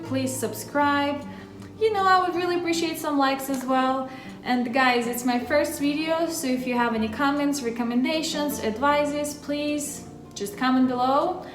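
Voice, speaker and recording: A woman from Russia with a Russian accent, hosting her own channel and explaining a topic in a chatty, friendly way straight to the viewer. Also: high voice. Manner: chatty, friendly direct address. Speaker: channel host. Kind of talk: casual explainer vlog. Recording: roomy echo with faint music.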